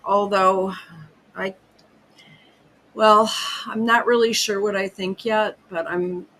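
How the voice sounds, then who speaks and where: A woman hosting a podcast, ranting in casual commentary, profane and excitable, often interrupting herself. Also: medium pitch, slow pace, poor audio. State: hiccuping. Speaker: podcast host.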